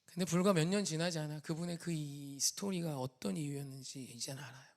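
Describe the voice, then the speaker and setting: A man preaching a sermon as a pastor, telling stories with emotional swings from loud to whispered. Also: a little high, fairly quick. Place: church sanctuary.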